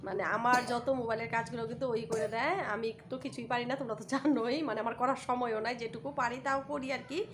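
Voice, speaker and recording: Brief: middle-aged village woman vlogger, quick and animated, faint phone-mic ambience. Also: a little high, a little hiss or hum. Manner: chatty, animated, addresses viewers as brothers and sisters. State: swollen face from toothache. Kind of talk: casual vlog chat to viewers.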